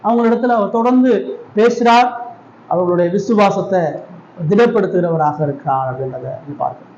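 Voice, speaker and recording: Pastor, male, high voice, earnest sermon, muffled roomy recording. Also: brisk, a little mellow, a little hiss or hum. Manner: earnest preaching with repeated rising refrains.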